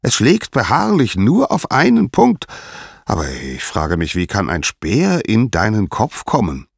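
A man's voice: fairly low pitch, huge pitch swings, a little slow, creaky, breathy edge, no room sound, studio quality, pitched above the performer's own voice, exaggerated voice. A man voicing the sea god Poseidon as a curious, questioning brother. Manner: questioning, wondering.

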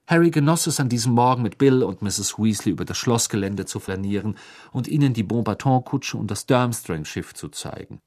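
A male narrator reading a novel aloud in an expressive, storytelling manner. His pitch moves freely and animatedly, carrying the scenes along. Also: brisk. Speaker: audiobook reader. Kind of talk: scripted narration.

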